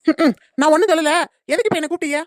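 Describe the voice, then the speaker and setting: Cartoon: woman voicing a snappy young daughter-in-law, high and rapid-fire. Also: a little mellow, dry recording, clean studio sound, close to an everyday voice. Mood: sarcastic. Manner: grumbling, sarcastic. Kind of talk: cartoon comedy voice acting.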